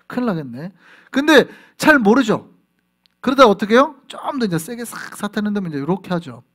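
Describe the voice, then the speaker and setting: A male pastor delivering a Sunday sermon with a high, bright-pitched voice. His delivery is lively and animated, with pitch leaping and dropping as he acts out little scenes. He keeps drawing the congregation in with rhetorical questions. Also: fairly quick.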